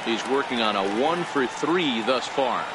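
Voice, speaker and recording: A man's voice: mid-range voice, animated, a little slow, close to an everyday voice. A man giving baseball play-by-play commentary. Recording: very loud crowd and stadium noise.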